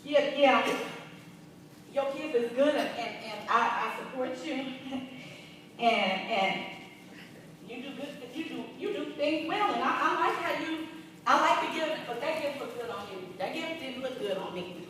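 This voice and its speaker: A woman's voice: sits high, expressive, normal speed, fairly bright tone, slight background noise, pitched below the performer's own voice. A woman voicing a boastful teenage shepherd boy who fires off defiant rhetorical questions, heard in an echoey church from a distance. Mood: hesitant.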